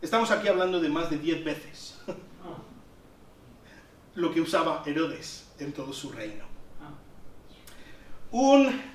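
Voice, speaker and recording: A man's voice: on the high side, very animated, takes it slowly, long pauses, a little hiss or hum. A man from Spain preaching a sermon in a conversational way that rises to emphatic peaks. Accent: Spanish from Spain. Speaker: pastor. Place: church hall. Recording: echoey church sound from a distance.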